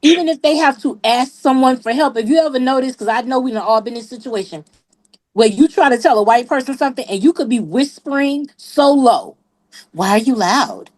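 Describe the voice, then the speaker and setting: A woman's voice: sits high, a little fast. A woman talking on a live group chat, blunt and profane, repeating herself for emphasis. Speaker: panelist.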